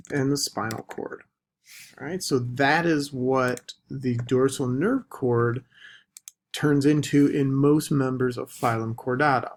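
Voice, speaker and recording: Man, biology lecturer, slow deliberate delivery, gravelly low edge, stresses key terms. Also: slight background noise. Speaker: biology instructor. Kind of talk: recorded lecture.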